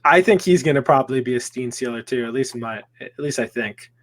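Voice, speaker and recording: A man's voice: mid-range voice, fast. A man co-hosting a casual comic-shop podcast, joking as he leads the group through the news. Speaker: podcast co-host. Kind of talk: casual chat.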